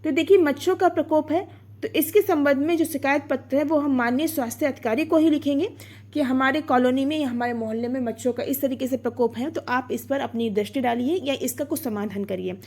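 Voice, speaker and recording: High-voiced woman teaching grammar. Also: brisk, darkish tone. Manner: explanatory, asks and answers own questions; sounds out vowels and syllables. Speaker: exam prep teacher. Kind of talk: online Hindi grammar lesson.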